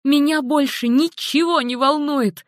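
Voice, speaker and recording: A woman's voice: high voice, unhurried, no room sound, clean studio sound, pitched above the performer's own voice. A woman reading an audiobook, voicing a frantic, grieving young mother who is near-hysterical and sobbing.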